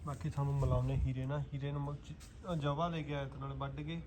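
Male horse-keeping vlogger, Malwai Punjabi accent, informal and chatty, mid-pitched, faint background noise. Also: little pitch movement, fast talker. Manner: informal, chatty, addresses viewers as brothers. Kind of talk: casual vlog chat. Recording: noisy handheld vlog with ambient sound.

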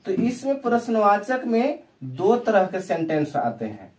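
Recorded from far off, a male teacher with a high, darkish voice that swings widely in pitch explains English tenses in Hindi. His classroom delivery is slow and repetitive, and he keeps asking questions only to answer them himself.

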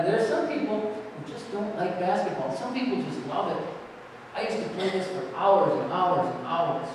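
A middle-aged man, a pastor, giving a children's sermon with gentle questions to children seated around him. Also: a little high, noisy background. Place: large church sanctuary, indoors. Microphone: distant camera. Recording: echoey church hall from far off.

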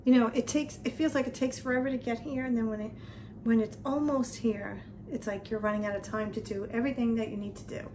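A woman's voice: on the high side, steady tone, fast, noisy background. A middle-aged woman chatting casually at home in a vlog, rambling with lots of fillers and small laughs. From Northern New Jersey. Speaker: vlogger. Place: home, indoors.

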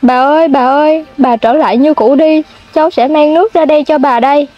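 A woman's voice: high-pitched, steady tone, fairly quick, natural voice. A young woman voicing a remorseful young village boy who begs his grandmother, as in a storybook. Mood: pleading. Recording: dull lo-fi sound.

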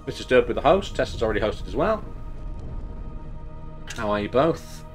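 Over faint background music, a very animated man in his thirties talks at a moderate pace in a medium-pitched voice while streaming a game at home. Though congested and losing his voice, he keeps up rambling, chatty live-stream talk with jokey asides.

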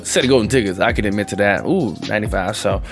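A man's voice: lowish voice, quick pace, creaky, over music. A young man chatting casually as a gaming video creator, with informal slangy talk and some swearing. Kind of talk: casual chat over game pack opening.

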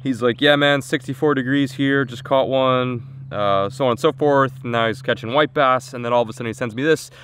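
Young man, mid pitch, upbeat vlog talk, outdoors on a lake boat, camera mic, light background noise. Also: fairly even intonation, brisk, few pauses, a bit bright. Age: young adult. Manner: upbeat, self-mocking, thinks aloud. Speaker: fishing vlogger. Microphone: action camera on the boat.

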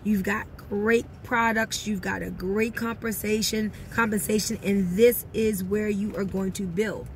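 A woman's voice: mid-range voice, steady tone, a little slow, few pauses, a little hiss or hum. A woman giving a motivational talk as a network marketing coach, speaking directly to her viewers with emphatic encouragement.

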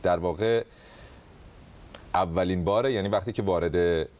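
A man hosting a comedy talk show, interviewing a guest in a playful, teasing way. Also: deep voice. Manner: teasing, jokey, animated asides. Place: TV studio.

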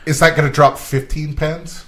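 A man's voice: on the high side, little pitch movement, normal speed, crowd noise. A man co-hosting a casual gaming podcast, dropping dry teasing asides. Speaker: podcast co-host.

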